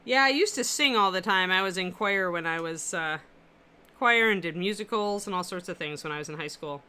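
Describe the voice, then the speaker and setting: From her apartment, a woman paints miniatures on a livestream, chatting casually and responding to viewer comments. She speaks a little fast in a low, smooth voice that is pushed and bright, powerful enough to carry.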